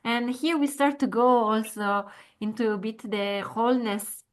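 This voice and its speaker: A woman's voice: on the high side, moderate pace. A woman hosting a podcast interview. She lays out a concept at length in a thoughtful, explanatory way, with frequent uh and um before she asks her question. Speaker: podcast host.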